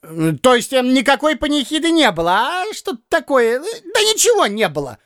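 A man's voice: very high-pitched, huge pitch swings, normal speed, fairly bright tone, dry recording, clean studio sound, voice pushed up, exaggerated voice. A man reading an audiobook and voicing a fussy, blundering old man who stammers and corrects himself. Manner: stammering, self-correcting, cackling.

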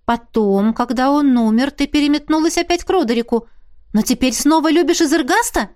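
Audiobook role: woman reading a brash young necromancer. Pitch rises above the reader's usual and the delivery pushes hard, full of emphatic exclamations. She stays quick-tempered and exasperated throughout. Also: a little mellow, lightly acted. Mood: insistent.

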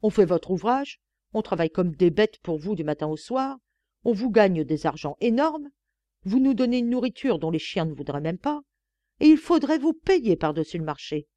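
A woman reading an audiobook, voicing a defiant young chambermaid who talks back loudly and indignantly. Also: medium pitch, sing-song, normal speed, no echo, lo-fi sound, close to an everyday voice. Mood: furious. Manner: indignant, sharp-tongued, raises her voice.

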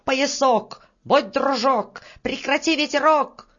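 A woman's voice: sits high, a bit bright, voice pushed up. Woman doing old grey peasant man, chanting rhyming charm, raised voice, fairy tale, lo-fi. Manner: chanting a rhyming spell, hurried. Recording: dull lo-fi audiobook recording.

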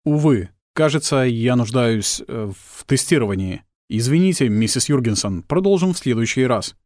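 A man voicing a polite, confused male household robot who speaks in a slow, measured, formal way. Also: medium pitch, lively intonation, darkish tone, no echo, clean studio sound, natural voice. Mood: hesitant.

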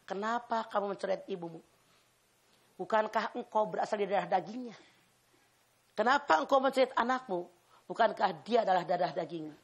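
A woman's voice: mid-range voice, brisk, long pauses, husky. A woman voicing a stern university professor who gives orders and repeats demands, told in a sermon story.

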